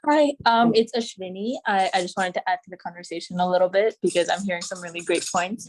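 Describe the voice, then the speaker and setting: A woman's voice: mid-range voice, darkish tone, slight background noise. A young woman from Canada joining a video call as a guest, speaking thoughtfully with lots of "like" and "um". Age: young adult. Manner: thoughtful, many fillers like "like" and "um". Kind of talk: casual discussion.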